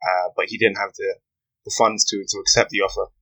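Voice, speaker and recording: A young man, giving an earnest, measured account as a podcast interview guest. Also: on the low side, flat delivery, bright, forceful tone, low-quality recording. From West London, UK. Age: 20s. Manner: earnest, measured storytelling with frequent "you know". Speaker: guest, aspiring barrister.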